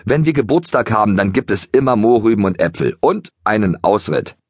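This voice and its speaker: A man's voice: fairly low pitch, animated, fairly quick, no room sound, clean studio sound. A man doing a stubborn, grumbling young pony.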